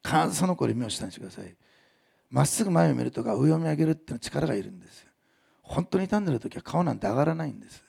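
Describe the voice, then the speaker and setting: A man preaching a sermon as a pastor, telling stories with animated delivery and acting out the people he quotes. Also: a little high, very fast, gravelly, breathy edge.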